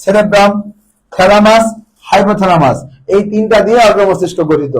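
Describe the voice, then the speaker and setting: High-voiced man drilling biology terms. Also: brisk, poor audio. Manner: drills terms by repeating them and quizzing students. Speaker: biology tutor. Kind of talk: exam-prep lecture.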